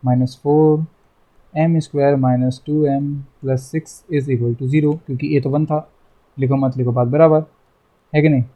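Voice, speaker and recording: Chatty young Hindi-speaking math teacher, mellow voice. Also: male voice, medium pitch, dull audio. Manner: chatty, repeats phrases, teases students. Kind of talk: live online math lesson.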